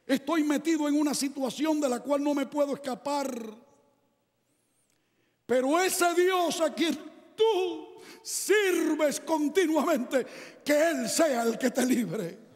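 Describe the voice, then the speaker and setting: An anguished ancient king, as a male preacher acts him out in a sermon, pleading in a high voice. He draws every word out slowly and solemnly. The sound rings with the long reverb of a hall. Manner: slow, emphatic and solemn.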